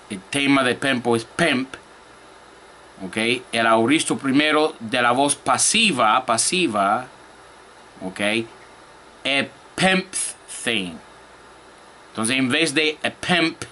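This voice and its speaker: A man gives a grammar lesson from his office, working through each point at a very slow, halting pace with frequent fillers and restarts. His voice has a bright, forceful edge. A faint background hiss sits under the recording. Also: medium pitch. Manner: slow, halting explanation with many fillers and repeated words. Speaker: Greek grammar teacher.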